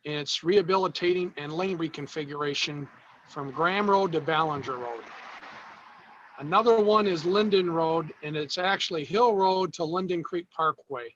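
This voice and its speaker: A man's voice: fairly high pitch, fairly bright tone. Man on a bad, breaking-up call. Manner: halting, pausing often with "uh". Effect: breaking up over a bad video-call connection. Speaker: road advisory committee member giving a report. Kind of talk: informal report at a video-call public meeting. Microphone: video call. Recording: dull lo-fi call audio with faint noise.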